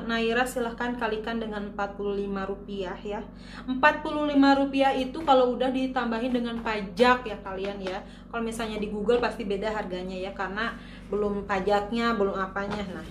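A woman's voice: on the high side, reverberant, background noise. A woman from Indonesia chatting casually in a vlog, showing things she bought to the camera. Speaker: vlogger.

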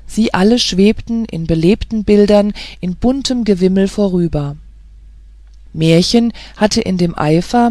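An audiobook narrator reading a fairy tale in a measured, even storytelling manner. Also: mid-range voice, no room sound, studio quality.

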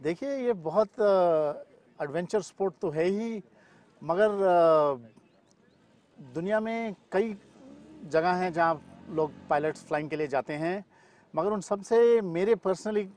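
This middle-aged man has a fairly high, darkish voice and answers interview questions outdoors, slipping in English terms. He's a paragliding pilot and the event's weather expert, interviewed on an open grassy mountain field, with clear outdoor ambient noise in the recording.

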